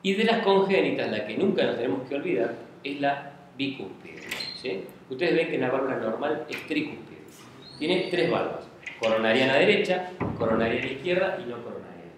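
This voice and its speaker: A man's voice: mid-range voice, big pitch swings, a little fast. A man giving a medical lecture, explaining step by step and checking in with the class often. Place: lecture room. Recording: very echoey classroom with faint hiss.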